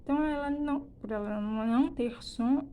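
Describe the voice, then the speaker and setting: Warm-voiced woman teaching a lesson. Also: high voice, slight background noise. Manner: explains slowly, with frequent "né?" and "então" restarts. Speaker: Spanish teacher. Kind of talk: recorded classroom lesson.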